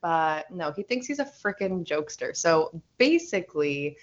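A woman's voice: fairly low pitch, sing-song, normal speed, dull audio. A Canadian woman chatting informally as a podcast guest, telling stories with plenty of swearing and "like". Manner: informal, sweary, filler 'like'. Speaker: podcast guest, wellness marketer. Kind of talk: casual chat, storytelling.

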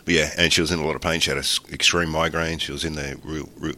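A man's voice: very deep voice, little pitch movement, fast, bright, forceful tone. An Australian man hosting a casual podcast, sounding congested and slightly crackly from a cold and sore throat. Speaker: podcast host.

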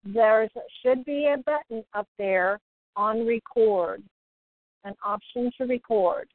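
Woman heard over a phone speaker. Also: a little high. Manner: halting, with fillers while reading. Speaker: meeting participant reading out instructions. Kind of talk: reading aloud on a group call. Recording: tinny dry phone line.

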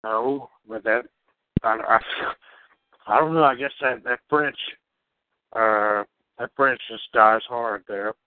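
A man co-hosting a podcast in crude casual banter, rambling in a deadpan way with frequent fillers. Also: mid-range voice, takes it slowly, pauses often, clean tone, no echo. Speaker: podcast co-host. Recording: dry, phone-like narrow sound.

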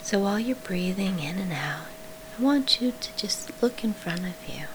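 A woman leading a guided sleep meditation in a soft, soothing whisper, pausing between short phrases. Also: mid-range voice, lively intonation, background noise.

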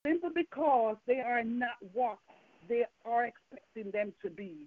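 This woman's voice is a little high, expressive, and slightly slow as she preaches in a Jamaican accent. Her fervent evening sermon uses call and response, repeated phrases, and rhetorical questions, and it comes through with a tinny, phone-line quality.

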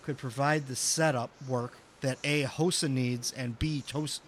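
A man's voice: mid-range voice, fairly even intonation, a little slow, slight background noise. A man hosting a casual hockey podcast with friends, reading out listener questions and joking along, sometimes tripping over players' names. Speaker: podcast host.

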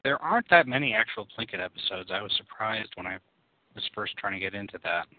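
Man, quick dry quipper, rapid delivery, lo-fi dry audio. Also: fairly low pitch, big pitch swings, no echo. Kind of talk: casual podcast chat. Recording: dry, phone-like lo-fi sound.

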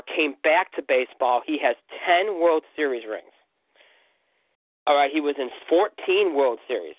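A man's voice: a little high, dry recording. Phone-like male radio host. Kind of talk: casual sports talk chat. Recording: narrow phone-like radio sound.

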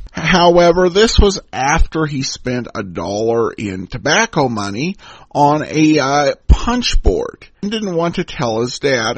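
A man hosting and giving commentary in a halting, thoughtful manner. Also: a little high, no echo. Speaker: podcast host reviewing old radio episodes.

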